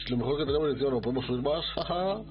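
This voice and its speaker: A man with a Spain Spanish accent giving excitable live commentary on his gameplay, talking to his chat. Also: medium pitch, very fast, lo-fi sound, faint music behind. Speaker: streamer.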